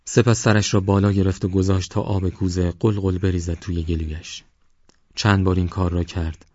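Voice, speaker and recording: A man narrating a novel as an audiobook reader, steady and measured. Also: low-pitched, dry recording. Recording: dull lo-fi audio.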